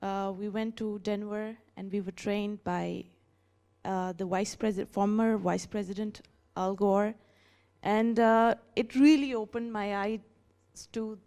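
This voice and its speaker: A woman's voice: mid-range voice, steady tone, measured pace, mellow. A woman from northern Pakistan giving an earnest presentation with frequent fillers. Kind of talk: conference presentation.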